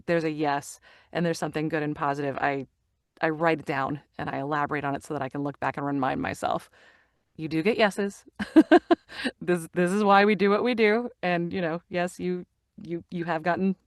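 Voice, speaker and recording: This actor and narrator, a woman in her forties, speaks with a low-pitched, clean tone on a dry, clean studio recording. She's animated and open in a casual interview chat, laughing frequently.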